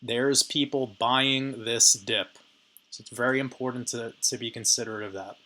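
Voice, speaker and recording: A man with a hoarse, raspy voice giving casual chart analysis commentary on crypto markets and addressing his viewers directly. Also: medium pitch, steady tone, moderate pace, bright, forceful tone. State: hoarse, raspy voice from talking a lot.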